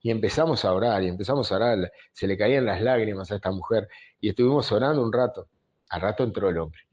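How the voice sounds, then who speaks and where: A man's voice: fairly low pitch, fast, a little mellow, muffled recording. A man, a pastor preaching conversationally and telling stories, often tagging phrases with a questioning aside. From Uruguay. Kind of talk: storytelling sermon.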